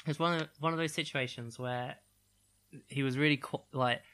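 A British man co-hosting a podcast, chatting casually and telling an animated story, laughing often and mimicking voices. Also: mid-range voice, moderate pace, clear, resonant tone. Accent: British English. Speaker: podcast co-host. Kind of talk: casual chat.

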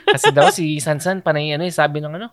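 A Filipino man from the Philippines co-hosts a casual podcast, chatting loosely and mixing English into his Tagalog with plenty of fillers and restarts. His voice is fairly high and fairly bright, animated and quick, captured in a dry, clean studio recording.

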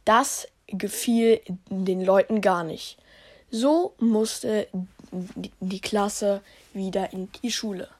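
A woman narrating a playful fan story in a relaxed, slightly halting way. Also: mid-range voice. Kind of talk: casual storytelling.

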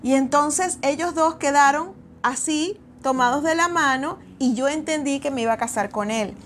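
High-voiced woman sharing a testimony. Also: moderate pace, a bit bright, slight background noise. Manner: earnest, storytelling with frequent restarts. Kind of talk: personal testimony and exhortation.

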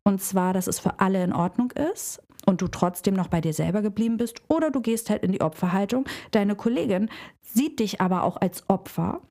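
A woman talks through a self-help lesson in a warm, mellow voice. She speaks straight to the listener, drawing on everyday examples from her work as a hairdresser. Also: medium pitch, expressive, a little fast. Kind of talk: reflective self-help talk.

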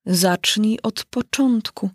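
Woman doing a pompous old king, slow, breathy, storybook reading. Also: medium pitch, lively intonation, dry recording, studio quality, voice pushed up.

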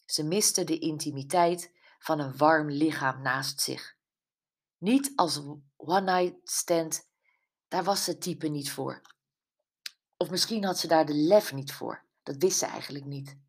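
A woman calmly narrating an audiobook novel. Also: sits low, slow. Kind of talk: scripted narration.

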